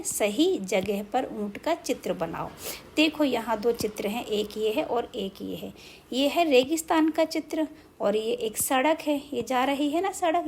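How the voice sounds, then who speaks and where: Woman teacher for a young children's lesson, somewhat high, gravelly and husky, patient questioning. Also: darkish tone. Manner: explains slowly, asks the pupils questions; recites verse lines slowly.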